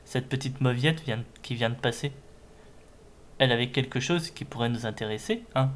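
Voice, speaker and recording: A man's voice: medium pitch, moderate pace, a little hiss or hum, lightly acted. A man voicing a scheming, sneering cartoonish villain monster in a video game, with a menacing delivery. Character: scheming villain Pokémon bullies plotting to rob a weakling.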